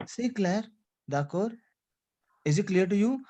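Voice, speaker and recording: A language teacher drilling French pronunciation in English with French phrases mixed in. The delivery is repetitive and insistent, asking "clear?" after nearly every point. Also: medium pitch, animated, measured pace, mellow. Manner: repeats phrases, checks understanding with "C'est clair? D'accord?"; mixes English with French phrases and a little Hindi. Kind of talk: online language class.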